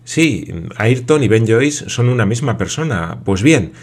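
A man's voice: medium pitch, lively intonation, unhurried, husky, voice pushed up. A man voicing a bewildered lord who presses question after question. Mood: urgent questioning.

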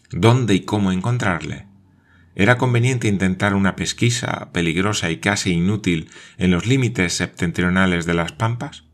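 A man narrating a novel as an audiobook, reading in a measured, even way. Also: low-pitched.

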